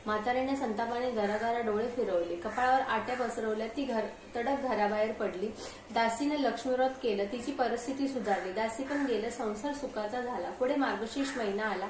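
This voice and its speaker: A woman from the Konkan reading aloud a devotional story in steady short phrases. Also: fairly high pitch, a little fast. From Konkan, India. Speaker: vlogger reading a ritual story. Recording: roomy room with ambient noise.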